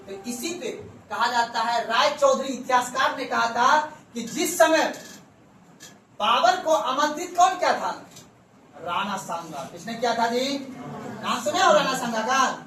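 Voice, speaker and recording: A man's voice: extremely high pitch, expressive, measured pace, sharp tone. A male history teacher giving a classroom lecture, who keeps asking the class questions, answers them himself and repeats key words for emphasis. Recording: echoey room from far off with faint background hum.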